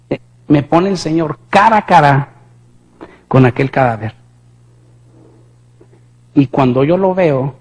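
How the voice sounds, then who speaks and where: A man preaching his testimony as a sermon, impassioned, swinging from hushed to shouting and asking the congregation questions. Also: fairly high pitch.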